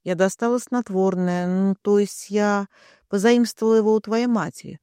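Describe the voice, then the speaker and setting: A jealous young woman pleads through her sobs, stammering and raising her voice high, as a male narrator puts her on. Her tearful, breathless lines come from an audiobook with a dry, close sound. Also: steady tone, normal speed, warm tone, smooth, dry recording, lightly acted. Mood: tearful pleading.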